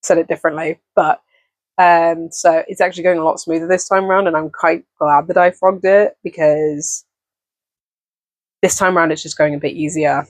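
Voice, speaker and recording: A young adult with an English accent chats casually to camera from a home office, a crochet vlogger rambling with plenty of ums and self-corrections. Her voice sits at medium pitch with a steady tone and moderate pace. The recording is dull and dry.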